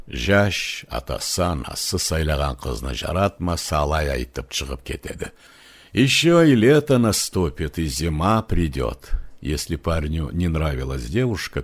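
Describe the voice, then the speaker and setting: A man reading a nonfiction book aloud in a slow, measured way, with proverbs quoted between the passages. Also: a bass voice, breathy edge. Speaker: audiobook narrator.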